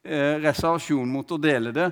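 A man's voice: fairly high pitch, steady tone, smooth. A man preaching, telling a story in a conversational, hesitant way with many fillers and restarts, and quoting the man he speaks of. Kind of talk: sermon storytelling.

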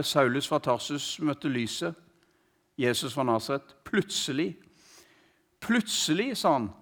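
A man preaching, telling a story in a conversational, hesitant way with many fillers and restarts, and quoting the man he speaks of. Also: fairly high pitch. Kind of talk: sermon storytelling.

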